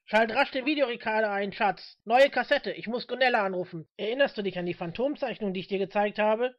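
A woman voicing an excited, urgent middle-aged male official. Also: mid-range voice, measured pace, highs cut off.

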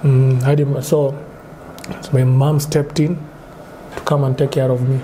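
A young man with a Kenyan accent, a guest chatting candidly, mixing English and Swahili with halting restarts, recorded on a restaurant set. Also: mid-range voice, level tone, warm tone, a little hiss or hum. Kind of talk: casual interview chat.

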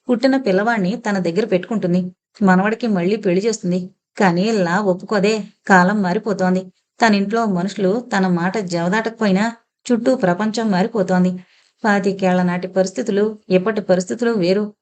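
A woman narrating an audio novel in a steady storytelling manner. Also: medium pitch. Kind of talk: scripted narration.

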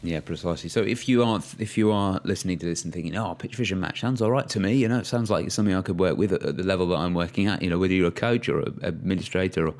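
Cricket podcast host, male, very low voice, loose chatty delivery. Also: rapid-fire, hardly any pauses. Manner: relaxed, chatty, many fillers and restarts. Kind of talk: casual podcast chat.

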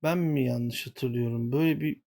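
A man's voice: mid-range voice, moderate pace, vocal fry, a little mellow. A man hosting a gaming channel, walking viewers through a screen-share tutorial and muttering to himself when he gets flustered.

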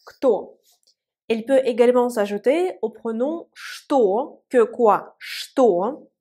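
A woman teaching a language lesson, speaking slowly and carefully and repeating example words. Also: on the high side, animated, warm tone, husky. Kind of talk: Russian lesson for French speakers.

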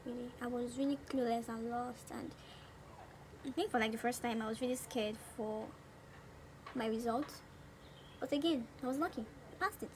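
High-voiced young Nigerian woman, chatty. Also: fairly even intonation, normal speed, long pauses, a little mellow. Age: 20s. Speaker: beauty vlogger. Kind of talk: casual chat during a makeup tutorial. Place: small room at home. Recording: noticeable background noise.

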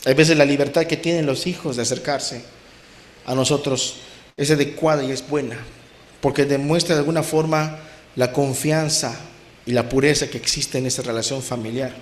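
A middle-aged man preaching a sermon as a pastor, impassioned, swinging from soft to loud emphasis. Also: mid-range voice, fairly even intonation, moderate pace. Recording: roomy echo.

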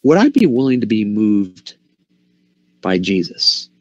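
A man's voice: fairly low pitch, sing-song, measured pace, no room sound, dull audio. A man preaching a passionate sermon, asking the congregation rhetorical questions. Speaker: pastor.

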